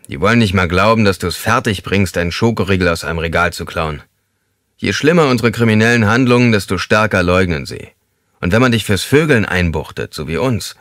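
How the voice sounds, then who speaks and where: A man's voice: low-pitched, a bit bright, dry recording, clean studio sound. A man voicing a sonorous, weary veteran male convict in an audiobook. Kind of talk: audiobook character voice.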